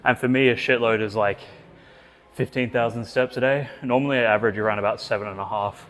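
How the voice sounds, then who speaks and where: A man's voice: mid-range voice, steady tone, fast, fairly bright tone. A man vlogging his gym workout in a casual, sweary chat, out of breath between sets, recorded in an indoor gym. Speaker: fitness vlogger. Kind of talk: casual gym vlog narration.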